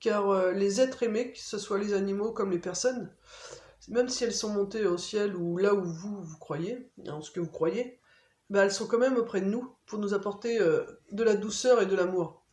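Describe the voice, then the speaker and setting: A woman giving an oracle card reading to her viewers in a gentle, soothing way, often pausing on fillers. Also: mid-range voice. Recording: echoey room.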